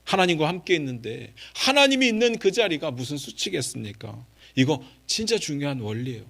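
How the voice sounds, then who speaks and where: A middle-aged male pastor preaching a sermon, moving between quiet asides and raised, impassioned pleas and leading the congregation in reading scripture aloud. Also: fairly high pitch, big pitch swings, a little fast, creaky.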